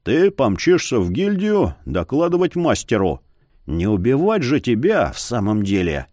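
A man voicing a seasoned swordsman who speaks in a low, gruff and unhurried way. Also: wildly swooping pitch, a little mellow, no echo, clean studio sound. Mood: calm.

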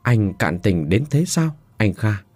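A man's voice: medium pitch, very animated, moderate pace, warm tone, no echo, faint music behind. A man voicing a desperate, heartbroken young wife who pleads through tears. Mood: pleading, tearful. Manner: tearful pleading, raised voice.

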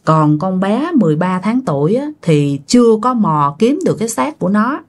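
A woman tells a ghost story in a chatty, conversational way. She often turns to speak directly to her listeners, and her voice rises and falls in lively swings. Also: medium pitch, moderate pace.

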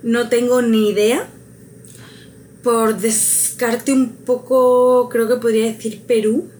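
A woman's voice: fairly high pitch, level tone, slow, darkish tone, a little hiss or hum. Musing woman guessing aloud. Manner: musing, hesitant, laughs at own luck. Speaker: vlogger taking a quiz. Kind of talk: casual thinking aloud.

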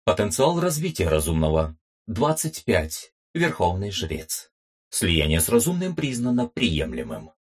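A man voicing a cold machine artifact that reads out status reports in flat, formal announcements. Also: low voice, measured pace, exaggerated voice.

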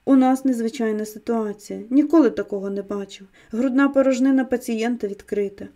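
A shaken young male paramedic reports in a subdued, clipped way, as a woman narrator reads his lines. The tone is mellow and set fairly high. It is a storybook reading, not a full character voice. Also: a little fast, close to an everyday voice.

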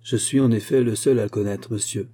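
A man's voice: on the low side, fairly even intonation, a little fast, mellow, natural voice. A man reading the part of a loyal old bank clerk who speaks earnestly and with feeling. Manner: pleading, earnest. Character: elderly male bank clerk, loyal and emotional.

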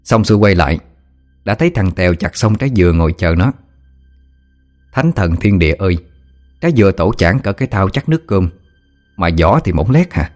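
Male audiobook narrator, Southern Vietnamese accent, lower voice, lively storytelling over faint music. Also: fairly quick, pauses often. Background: soft background music.

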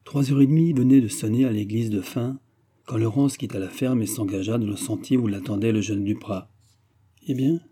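A man narrating a classic novel in a measured, even storytelling manner. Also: lowish voice, husky. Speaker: audiobook narrator. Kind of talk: scripted literary narration.

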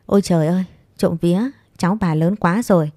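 A woman voicing a kindly, worried middle-aged mother in a read-aloud story, gentle and fussing. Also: fairly low pitch, steady tone, brisk, no echo, studio quality, close to an everyday voice.

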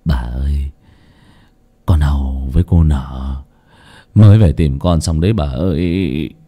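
A man voicing a terrified young village man who stammers in a shaky, hushed voice. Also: a bass voice, measured pace, husky, voice pushed down, exaggerated voice. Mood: trembling.

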